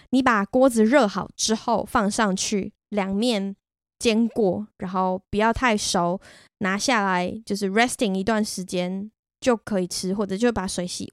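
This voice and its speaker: A woman with a Taiwanese Mandarin accent tells a story about herself on her podcast, quick and chatty. She is candid and pokes fun at herself. Her voice sits at a middle pitch and sounds dry and close, with no room around it. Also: no room sound. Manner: candid, chatty and self-deprecating. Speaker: podcast host. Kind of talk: casual personal storytelling monologue.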